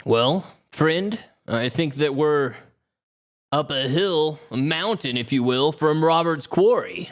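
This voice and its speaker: A man's voice: on the high side, lively intonation, slow. A man playing a grandiose adventurer who introduces himself with long theatrical titles, in a tabletop game. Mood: pompous. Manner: pompous, theatrical self-introductions.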